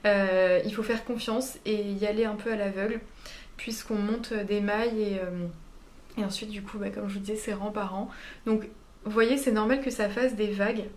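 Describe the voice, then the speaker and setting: A woman's voice: mid-range voice, fairly even intonation, moderate pace. Chatty woman vlogging in an echoey room. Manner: chatty and hesitant, many fillers and self-corrections. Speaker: knitting vlogger. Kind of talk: casual vlog chat. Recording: roomy echo, faint background hum.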